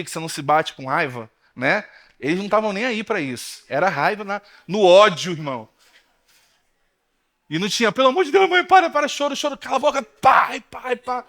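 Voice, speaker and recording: High-voiced Brazilian pastor in his thirties. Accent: Brazilian Portuguese. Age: 30s. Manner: lively storytelling, addressing the congregation as brothers. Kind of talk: sermon. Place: church.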